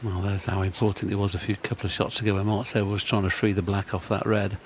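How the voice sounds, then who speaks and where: A man's voice: lowish voice, level tone, fast, slight background noise. A man giving analytical live snooker commentary as a broadcast commentator.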